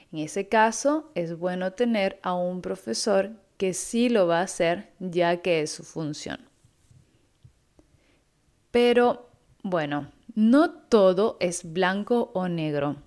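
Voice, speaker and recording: A woman teaching an online Spanish lesson, speaking slowly and patiently. She explains each step clearly, in a medium-pitched voice. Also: darkish tone.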